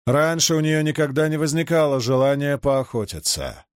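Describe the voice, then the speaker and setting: A man's voice: on the high side, normal speed, clean tone, dry recording, studio quality, natural voice. A man reading the lines of a weary, irritated lord who growls his words curtly, in an audiobook. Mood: angry. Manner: growling, curt.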